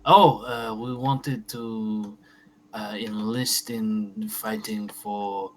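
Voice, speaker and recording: A man playing a tabletop role-playing game, bantering casually in and out of character in a blunt, halting, joking way. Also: fairly low pitch, fairly even intonation, darkish tone.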